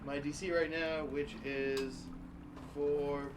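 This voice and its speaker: A man's voice: a little high, little pitch movement, slow pace, recorded from a distance, background noise. A man playing a tabletop game, joking and sarcastic as he chats with the table. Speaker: player. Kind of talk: casual tabletop play.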